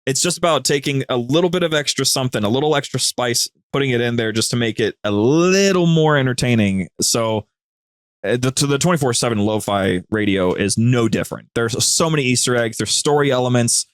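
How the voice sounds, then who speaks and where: Medium in pitch and fairly quick, the man's voice is dry and studio-clean. In a laid-back interview, this podcast guest and media group show co-host explains things through eager storytelling.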